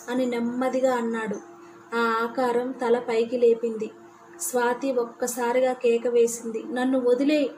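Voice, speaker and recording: Woman narrating a horror tale, flat and mellow. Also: fairly high pitch, slight background noise, poor audio. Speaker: storyteller.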